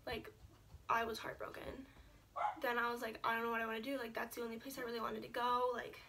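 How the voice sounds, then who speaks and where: A woman's voice: a little high, level tone, quick pace, gravelly, background noise. A young woman from Ohio, sitting at home and casually telling a long personal story to a camera set a little way off, filling her talk with "like" and "um". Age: young adult. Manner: chatty, lots of "like" and filler. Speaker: vlogger. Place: indoors at home, seated. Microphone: camera set a little far away.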